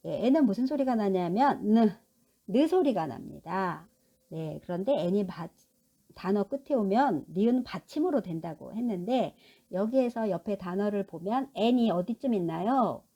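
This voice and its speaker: A woman teaching a basic English lesson to grown-up learners, with a gravelly edge of vocal fry in her voice. Her tone is dark and relaxed. She goes patiently, sounding out letters one at a time and answering her own questions. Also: mid-range voice, normal speed, muffled recording. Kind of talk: recorded English lesson for adult literacy learners.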